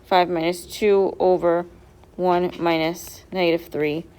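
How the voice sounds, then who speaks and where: A woman's voice: fairly low pitch, level tone, a little slow, a little mellow, smooth. A woman teacher going over quiz answers step by step in a classroom, asking her students questions as she goes. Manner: patient, step-by-step, quizzes students. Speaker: math teacher.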